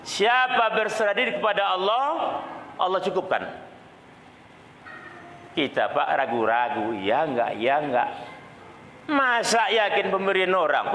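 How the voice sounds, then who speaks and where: Give me a middle-aged man giving a lively storytelling sermon, fairly high voice, recorded in an echoey mosque with faint noise. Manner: lively storytelling, acts out dialogue, laughs often. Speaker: Islamic preacher. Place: large mosque hall.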